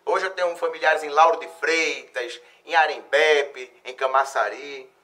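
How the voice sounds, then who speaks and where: A man's voice: a little high, unhurried, recorded from a distance. A man, a geography teacher hosting an exam-prep live stream, chatty and effusive as he greets viewers. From Salvador, Bahia, Brazil. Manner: chatty, effusive, lively exclamations. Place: plain bright indoor studio.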